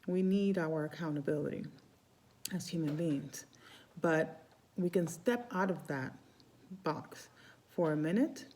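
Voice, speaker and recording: In casual spiritual vlog talk, a middle-aged Cuban woman who serves as a Santeria priestess rambles and keeps restarting her phrases. Her voice is low-pitched with a dark tone.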